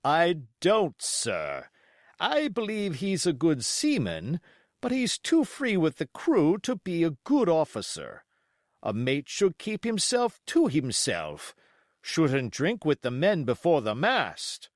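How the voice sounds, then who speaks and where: A stern, plain-spoken sea captain, as acted by a male audiobook reader. He bites off formal, emphatic phrases at a slow pace. His pitch leaps about stubbornly. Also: huge pitch swings, no echo, clean studio sound, exaggerated voice. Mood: blunt, disapproving. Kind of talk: audiobook character acting.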